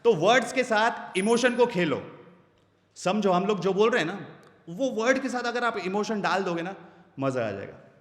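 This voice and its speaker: A man running a voice-over workshop at a meetup, often acting out short example lines to show different tones. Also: moderate pace. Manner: animated, swings pitch and volume widely. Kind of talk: live workshop talk. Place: hall at a creators' meetup. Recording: echoey hall, long reverb.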